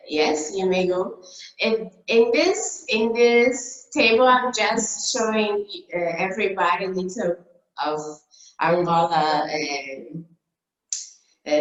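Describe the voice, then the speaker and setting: A woman from Brazil whose first language is Portuguese, giving a dentistry case report over slides on a video call, halting with many fillers and restarts. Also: mid-range voice, muffled recording. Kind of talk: conference talk over slides. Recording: roomy echo.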